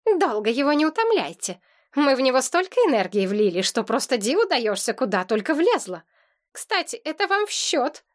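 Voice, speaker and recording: Haughty fox-woman nurse, stern and brisk, read by a woman in an audiobook, high voice. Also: very animated. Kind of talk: audiobook character reading.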